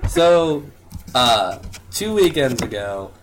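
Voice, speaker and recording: A man's voice: medium pitch, sing-song, takes it slowly. Man, casual podcast chat, ranting storyteller, faint hiss behind. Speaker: podcast co-host.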